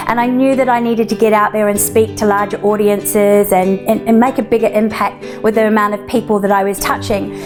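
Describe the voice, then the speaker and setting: A woman, an author and trainer, giving an upbeat, energetic testimonial. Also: mid-range voice, fairly quick, few pauses, music in the background. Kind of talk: testimonial to camera.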